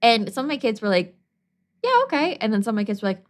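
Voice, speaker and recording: Woman podcast co-host, lively storyteller who laughs often and acts out the voices she quotes. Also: mid-range voice, racing. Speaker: podcast co-host, literacy educator. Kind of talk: casual podcast chat.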